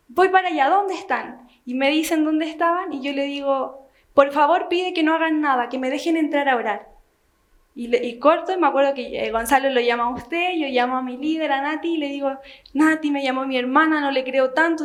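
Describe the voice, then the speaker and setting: Young woman, high voice, earnest church testimony, halting with fillers. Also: fairly even intonation. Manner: earnest storytelling with many fillers. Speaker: church member giving testimony. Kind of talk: personal testimony.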